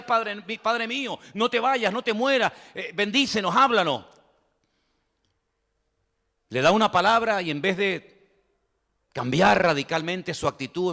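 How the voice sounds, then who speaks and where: Emphatic male preacher in a reverberant hall. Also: fairly high pitch. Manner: emphatic, rhetorical questions, swings between loud and soft. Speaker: pastor. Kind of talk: sermon.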